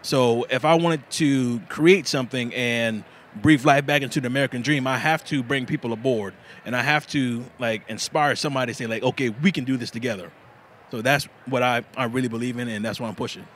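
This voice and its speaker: A man's voice: mid-range voice, a little fast, a bit bright. Guy in his 30s, knifemaker, earnest, keeps restarting, faint hum behind. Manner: earnest, restarts often, laughs easily. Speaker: bladesmith, interviewee. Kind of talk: casual interview. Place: busy food festival, indoors.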